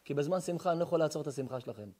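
A rabbi preaching with fervor, his voice sitting a little high for a man. He drops to near-whispers, then rises to loud, drawn-out chanting of verses. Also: animated. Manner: impassioned, swings from hushed to loud, chants verses. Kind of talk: sermon.

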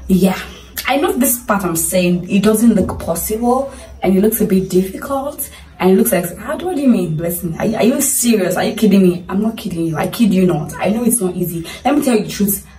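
A woman's voice: medium pitch, animated, a little fast, dark tone, roomy sound, far from the mic, low-quality recording. A Nigerian woman with a Nigerian accent, earnestly urging her listeners in a motivational talk, pleading and repeating herself for emphasis. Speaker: vlogger.

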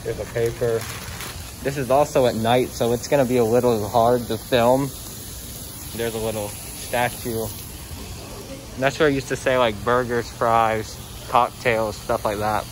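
A teenage boy rambles through a casual vlog, phone held at arm's length as he walks around a mall at night. His delivery is loose and full of fillers, with upbeat sign-offs. Steady outdoor noise sits under his voice. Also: medium pitch, measured pace, rough recording. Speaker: vlogger.

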